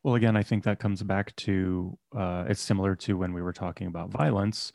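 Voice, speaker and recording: A man with a low, gravelly voice makes his points slowly and deliberately in a laid-back podcast conversation. The sound is dry and close to the mic. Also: steady tone, a little mellow, dry recording. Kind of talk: casual roundtable chat.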